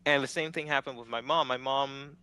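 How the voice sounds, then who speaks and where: Man, casual chat, rambling, laughs a lot, bright voice. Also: medium pitch, fairly even intonation, fairly quick, clean tone, no room sound, low-quality recording. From Philippines. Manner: rambling, chatty, laughs often. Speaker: streamer chatting while drawing.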